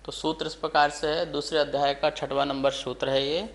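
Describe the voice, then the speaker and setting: A man teaching a scripture lesson, reciting a verse word by word for students to repeat, then explaining it slowly. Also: on the high side, little pitch movement, fairly bright tone. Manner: measured, syllable by syllable chanting of verses. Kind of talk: slow recitation lesson with call and response.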